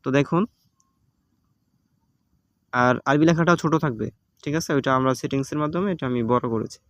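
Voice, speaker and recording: A man's voice: mid-range voice, normal speed, fairly bright tone. A man with a Bangladeshi Bengali accent giving a casual step-by-step app tutorial, patient and repetitive, with many fillers. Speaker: tutorial host. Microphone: phone recording.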